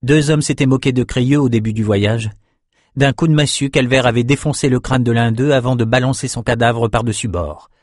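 Guy reading an audiobook, even steady voice, dry close mic. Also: mid-range voice, no room sound. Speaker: narrator. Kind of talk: audiobook narration.

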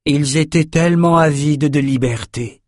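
A weary, mournful sorceress, acted by a male narrator, lifted above his natural register. Her lines come out as soft complaints. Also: on the high side, a little slow, no echo, studio quality, pitched above the performer's own voice, natural voice. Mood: plaintive. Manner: plaintive, moaning. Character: weary woman mage, plaintive and mournful.

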